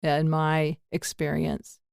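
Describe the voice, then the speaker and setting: A woman's voice: sits low, completely flat delivery, slow, creaky, darkish tone, clean tone, dry recording, studio quality. A middle-aged woman hosting a podcast, talking frankly and rambling, often laughing at herself. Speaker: podcast host. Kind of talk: candid casual interview chat.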